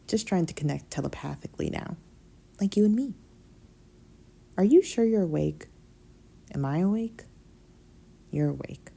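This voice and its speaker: A woman reading a novella aloud, acting out both sides of a dialogue in a quiet, intimate way that sometimes drops into a whisper. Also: low-pitched, creaky, slightly rough. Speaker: audiobook reader.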